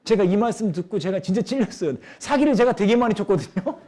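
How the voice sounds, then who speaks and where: A young adult man preaching a youth sermon, animated, acting out quoted people in lively voices. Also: high-pitched, fast.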